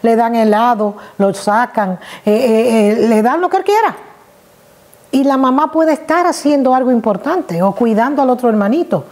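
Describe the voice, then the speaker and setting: An older woman psychologist giving casual parenting advice, telling stories with lively acted voices. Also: fairly high pitch, moderate pace. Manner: lively storytelling, acts out voices. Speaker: psychologist and host. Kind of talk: casual advice talk with anecdotes.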